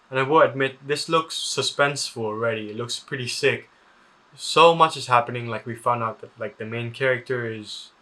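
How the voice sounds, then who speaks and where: Teenage boy, comedic storyteller, mock-dramatic, flat-toned, bright forceful voice, filler-heavy. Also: medium pitch. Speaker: student vlogger.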